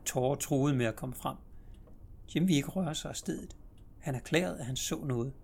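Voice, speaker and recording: A man's voice: medium pitch, gravelly, a little mellow, breathy edge. Man narrating an audiobook story.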